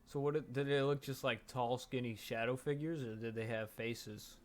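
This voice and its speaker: A man hosts a casual interview in a middle-pitched voice. He asks short follow-up questions and gives quick reactions to what his guests say. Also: steady tone. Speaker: host interviewer.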